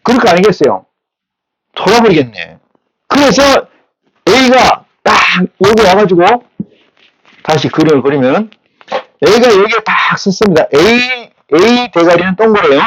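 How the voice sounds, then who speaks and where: Blunt high-voiced male preacher. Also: lively intonation, low-quality recording. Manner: teaches with rapid rhetorical questions; blunt, coarse colloquial speech. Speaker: pastor. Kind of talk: sermon.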